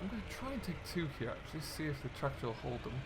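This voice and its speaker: Speaking very fast in a sing-song, fairly high voice, this British man hosts a farming game role-play as a farm contractor. He keeps up casual commentary, chatting and musing aloud as he works, with clear vehicle and ambient sounds in the background.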